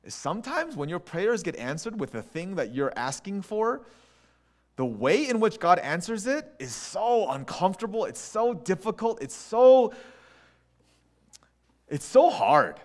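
A man preaching a sermon in a conversational, animated way, with quick restarts and acted asides. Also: sits high. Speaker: pastor.

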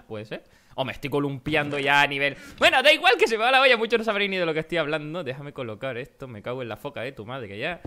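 A young man, commentating his own Minecraft match in a rambling, excitable way and breaking into frantic shouts. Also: fairly high pitch. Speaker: gaming YouTuber.

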